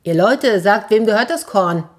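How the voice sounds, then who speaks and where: A woman's voice: mid-range voice, expressive, normal speed, pitched above the performer's own voice, lightly acted. A genteel wondering king played by a woman. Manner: polite, wondering. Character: amazed fairy-tale king, genteel and curious.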